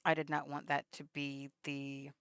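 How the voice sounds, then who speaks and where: A woman vlogger tells a story casually and ramblingly, packed with fillers, acting out text exchanges she remembers. Her deep voice is monotone and unhurried yet fairly bright and smooth, in studio quality with no echo.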